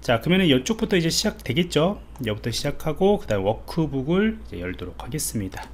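In a quick, sing-song voice pitched a little high, a male IT instructor walks through a coding tutorial step by step, informally thinking aloud as he types. It's an indoor voice-over on a screen recording, and background noise is clearly audible.

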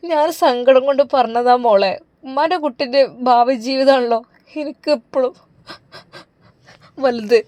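A woman voicing a worried, tearful middle-aged mother with a Malabar Malayalam accent, pleading and high. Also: normal speed, long pauses, darkish tone, no echo, natural voice. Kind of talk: storybook narration.

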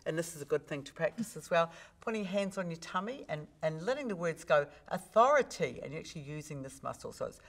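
Expressive low-voiced New woman coach. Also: fast, few pauses. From New Zealand. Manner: expressive, demonstrates pitch with big vocal swings. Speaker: speaking coach, guest. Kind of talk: podcast interview.

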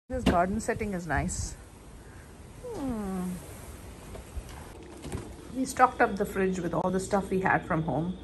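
A middle-aged woman from India, chatting casually on her phone camera in a travel vlog, with lots of fillers and restarts. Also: mid-range voice. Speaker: vlogger. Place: outdoors, in a car and in a small cottage. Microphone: phone camera at arm's length. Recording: phone video with clear background noise.

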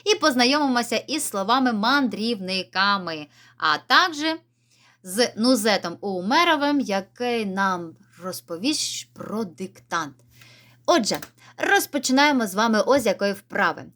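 A woman's voice: mid-range voice, expressive, measured pace, a bit bright. A woman teaching a video reading lesson to young children, encouraging them and stretching out key words. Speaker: primary school teacher. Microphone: camera set up by herself.

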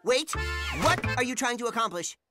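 A man's voice: very high-pitched, animated, moderate pace, over music. A performer voicing an upbeat male animal sidekick in a cartoon who talks in a peppy, encouraging way. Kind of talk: cartoon voice acting.

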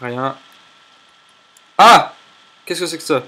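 A young man commentating his own gameplay in an animated, jokey, exclamatory way. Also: a little high, takes it slowly. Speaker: let's play host.

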